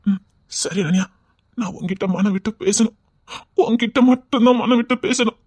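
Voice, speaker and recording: A man with a Tirunelveli Tamil accent, playing a scheming young man who talks softly and wheedles. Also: high-pitched, normal speed. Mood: wheedling. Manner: soft wheedling voice that turns mocking. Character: scheming young man, fake-tearful, later cold and harsh. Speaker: actor in a skit. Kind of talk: melodramatic skit acting.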